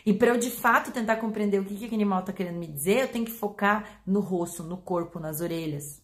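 A woman with a Brazilian Portuguese accent, a pet behavior educator explaining to her audience in an animated way, acting out examples. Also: medium pitch, fast talker. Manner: animated, acts out examples with voice changes.

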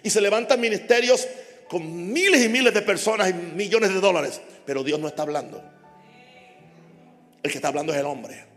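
A man's voice: sits high, normal speed, faint music behind. Fiery preaching man in echoing hall. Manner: impassioned, builds to shouting with repeated phrases. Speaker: pastor. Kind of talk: sermon. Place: church hall.

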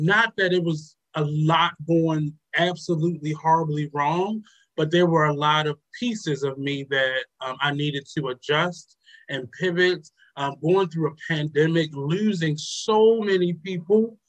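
Male talk host, slightly higher voice, halting and filler-heavy delivery. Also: fairly bright tone, low-quality recording. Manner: hesitant, many ums and uhs. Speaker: radio show host. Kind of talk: casual reflective talk.

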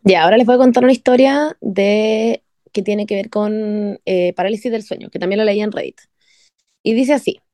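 A woman's voice: mid-range voice, dark tone, no echo, studio quality. A young woman reading a story aloud to friends in a casual chat. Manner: quick reader, casual asides.

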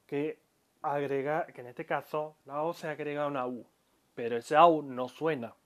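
Man teaching pronunciation, fairly high voice. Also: steady tone. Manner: explains slowly, stretching out example words, with frequent restarts; calls himself audio-lesson maker, addresses listeners. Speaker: Japanese language teacher. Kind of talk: spoken language lesson.

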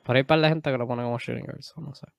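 A man co-hosting a casual sports debate podcast, talking in animated quick bursts and correcting himself as he goes. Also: medium pitch, vocal fry, clear, resonant tone. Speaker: podcast co-host.

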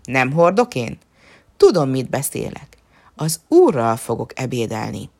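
A crafty, good-humoured peasant from a storybook folk tale, read by a woman. He speaks low and calm, with a lively, teasing lilt that hides how much he knows. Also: exaggerated voice. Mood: sly. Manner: sly and easygoing. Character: poor cunning male peasant, cheeky and calm.

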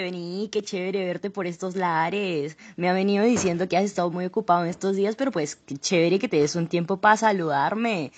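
A woman's voice: mid-range voice, lightly acted. A woman voicing a chatty female celebrity from Cali with a sing-song Cali Colombian accent, in an improvised comedy interview. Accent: Cali Colombian (put on). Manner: sing-song, laid-back, flattering.

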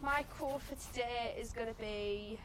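A woman's voice: a little high, moderate pace, soft background music, low-quality recording. A woman in her late teens hosting a casual chat podcast with friends, chatty and giggly, rambling with fillers. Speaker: podcast host.

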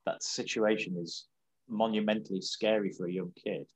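A man's voice: fairly low pitch, steady tone, normal speed. A man hosting an interview, asking questions and affirming his guest. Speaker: host, interviewer.

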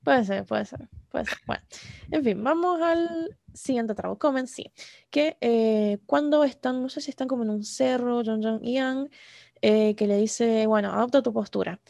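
A woman's voice: fairly high pitch, a little slow, creaky, warm tone, dry recording, studio quality. A woman co-hosting a podcast over a video call in a Rioplatense Spanish accent, chatting casually, laughing often and acting out quoted lines. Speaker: podcast co-host. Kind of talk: casual chat. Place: home, remote call.

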